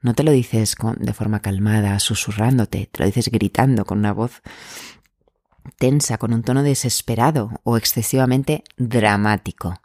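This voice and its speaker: A man working as an anxiety coach, giving calm self-help advice in a gentle, measured, encouraging way. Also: on the low side, no room sound, studio quality.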